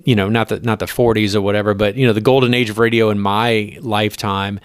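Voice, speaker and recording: A man who works as a radio broadcaster, talking casually as an interview guest, eager and halting with many fillers. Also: on the low side, fairly even intonation, smooth, no room sound. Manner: eager, halting, lots of likes and ums.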